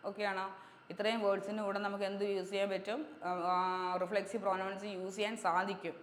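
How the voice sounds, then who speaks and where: A woman English grammar teacher, drilling points over and over and checking understanding with quick questions. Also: medium pitch, little pitch movement. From Kerala, India. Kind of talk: exam-prep grammar lesson. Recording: echoey room with long reverb, faint hiss.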